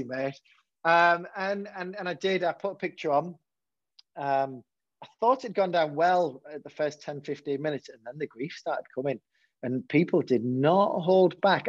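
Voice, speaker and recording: A man with a slightly raised pitch talks candidly in an interview as a head teacher. He stumbles and restarts his sentences often. The recording is dry and a little dull, with a lo-fi sound. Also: no room sound. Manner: hesitant, many repeated false starts.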